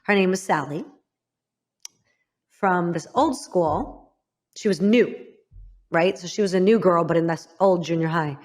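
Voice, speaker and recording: Candid woman from the Midwest, slightly low. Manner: candid, halting, voice sinking low and soft at painful parts. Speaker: podcast host. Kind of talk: personal storytelling to a guest.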